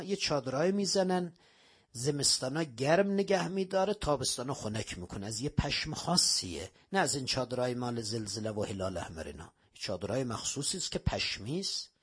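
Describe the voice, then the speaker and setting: A man preaching a sermon, telling religious stories dramatically, swinging between raised exclamations and hushed lines. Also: a little high, slightly rough.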